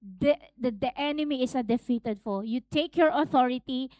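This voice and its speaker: A woman pastor preaching a fervent sermon, switching between Tagalog and English, at times building to shouted exhortation. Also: high voice, moderate pace, no echo.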